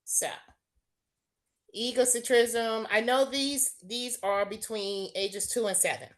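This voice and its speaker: A woman student in an exam study group, eager and self-deprecating, working through questions out loud. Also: on the high side, fairly even intonation, slow pace.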